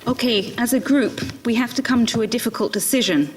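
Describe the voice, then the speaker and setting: Calm woman moderating a discussion group. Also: on the high side, fairly quick, a little hiss or hum.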